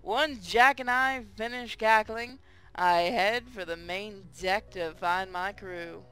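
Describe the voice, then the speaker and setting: A man's voice: high-pitched, slow pace, sharp tone, faint music behind. A man streaming a visual novel read-aloud, narrating and bantering casually in a sweary, playful way.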